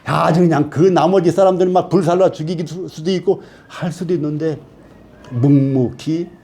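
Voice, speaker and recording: A man's voice: fairly high pitch, dark tone, a little hiss or hum. A man teaching a Bible study class who keeps asking the class questions and then answering them himself.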